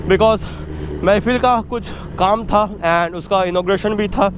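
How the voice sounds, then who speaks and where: Young male moto-vlogger, higher voice, loud street traffic all around, talks straight to viewers. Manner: chatty, addresses viewers directly, mixes English phrases into Hindi. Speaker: motorcycle vlogger. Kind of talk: casual vlog narration while riding. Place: outdoors on a motorcycle in city traffic. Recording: outdoor traffic noise behind the voice. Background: street and vehicle noise.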